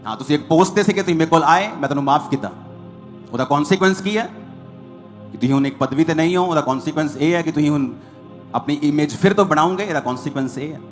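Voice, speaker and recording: A man's voice: fairly high pitch, fast talker, faint music behind. A man preaching a sermon as pastor, hammering his points in short repeated phrases.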